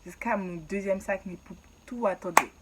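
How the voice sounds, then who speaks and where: A young woman vlogger from the Ivory Coast telling a childhood story in a casual, lively way, laughing often and exaggerating playfully. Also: medium pitch, a little fast, heavy background noise.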